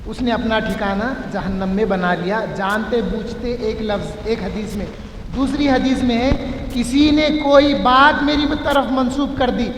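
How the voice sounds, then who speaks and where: High-voiced man lecturing in an echoing mosque. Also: fairly even intonation, slight background noise. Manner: explanatory, gives everyday examples. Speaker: religious scholar. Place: large mosque hall. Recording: echoey hall with long reverb.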